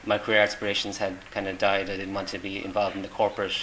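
Man, irish accent, middle-aged, hesitant, monotone, background noise. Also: sits low, quick pace. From Ireland. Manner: hesitant, many ums and restarts. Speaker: interviewee, volunteer. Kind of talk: casual interview. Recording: noisy room ambience.

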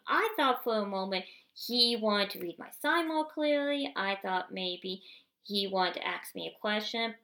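A podcast host speaks from home while seated in a wheelchair, recounting a personal story. Her voice is mid-range and fairly bright. She talks conversationally, restarting and correcting herself repeatedly, and rises to indignant emphasis.

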